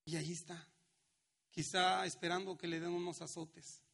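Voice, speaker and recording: Brief: middle-aged pastor, high voice with gravel, slow emphatic sermon delivery. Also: male voice, level tone, a bit bright. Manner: preaching with slow emphatic lines and acted-out quotes.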